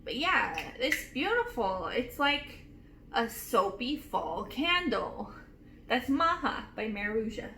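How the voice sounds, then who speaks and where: A woman in her twenties casually reviewing perfumes, gushing and emotional with drawn-out emphasis. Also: on the high side, big pitch swings, sharp tone. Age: 20s. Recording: echoey room with faint noise.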